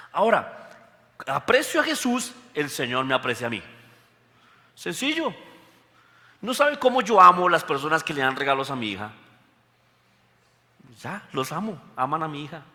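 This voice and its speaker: A man preaching a lively sermon as pastor, full of rhetorical questions. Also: fairly high pitch. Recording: long hall reverb.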